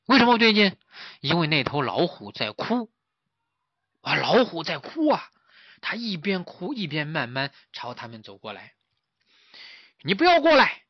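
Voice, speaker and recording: A man narrating a children's story in a lively, animated way. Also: fairly high pitch, moderate pace, no room sound, dull audio.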